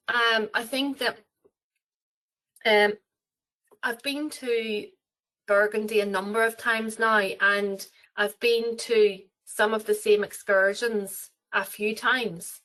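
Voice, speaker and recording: A woman's voice: fairly high pitch, pushed and bright, low-quality recording. A woman with an Irish accent, talking about cruises in a webinar interview, rambling with many fillers and restarts. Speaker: travel company representative.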